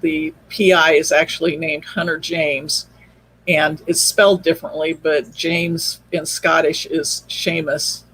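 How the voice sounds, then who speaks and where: Appearing as a podcast guest, a woman who creates audio dramas chats casually and explains things in an informal, hesitant way. Her voice is low, a bit bright and level in tone, a little slow. The recording is rough, with faint background noise.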